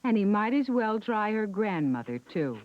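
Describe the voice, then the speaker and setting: A woman's voice: mid-range voice, big pitch swings, normal speed, no room sound. Woman narrating a fairy tale on worn tape. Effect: worn tape copy. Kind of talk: storybook cartoon narration. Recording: dull worn VHS tape with music behind.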